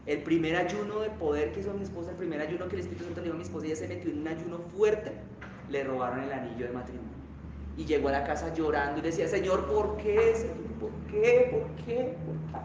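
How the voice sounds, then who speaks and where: A high-voiced male pastor preaches with storytelling flair. His voice swings between loud emphatic peaks and quiet drops. The sound rings through a heavily echoing church hall, with a faint background hiss. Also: very fast, dull audio. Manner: storytelling preaching with dramatic swings in pitch and volume. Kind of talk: sermon.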